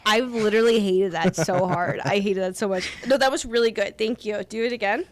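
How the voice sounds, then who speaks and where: A woman's voice: medium pitch, brisk, slight background noise. A tipsy woman co-hosting a podcast, telling rambling stories between giggles. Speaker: podcast co-host. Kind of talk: casual chat.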